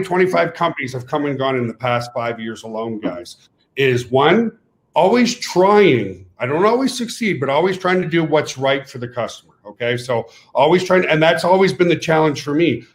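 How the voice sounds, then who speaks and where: A middle-aged man with a French Canadian accent, hosting a webinar in an excited, animated way with laughing asides. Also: fairly high pitch. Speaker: webinar host and company owner.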